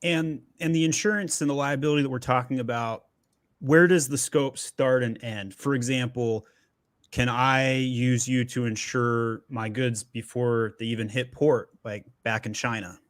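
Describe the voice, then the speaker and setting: A man's voice: mid-range voice, steady tone, normal speed, dry recording. A male host of a live Q&A, upbeat and chatty, asking questions with joking asides. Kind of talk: live Q&A interview.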